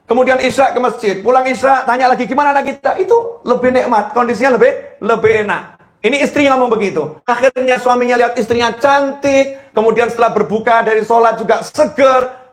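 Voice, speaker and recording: A male preacher giving a lively sermon into a handheld mic, swinging from high exclamations to low drops. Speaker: Islamic preacher.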